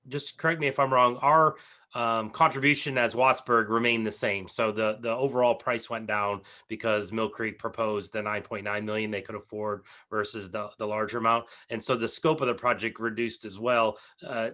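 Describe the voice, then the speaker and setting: Male board member at a public meeting, crisp bright edge on a somewhat low voice, asking for clarification.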